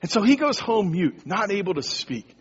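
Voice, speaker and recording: Preaching to his congregation in a casual, conversational way, this man has a high voice with big pitch swings, a breathy edge, and normal speed. The sound is dull and lo-fi, with a long hall reverb.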